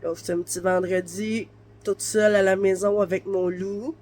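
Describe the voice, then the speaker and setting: Her medium-pitched voice has fairly even intonation, a moderate pace and a darkish tone, thickened by flu congestion. In her thirties and speaking with a Québécois French accent, this vlogger chats from her bed in her bedroom, wandering off topic with plenty of fillers.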